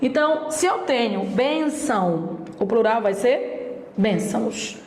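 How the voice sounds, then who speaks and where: A woman teaches grammar at a slow, deliberate pace, stretching out each example word. Her voice sits fairly high. The recording has a roomy echo. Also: animated, darkish tone, slight background noise. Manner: speeds up for asides and exam tips.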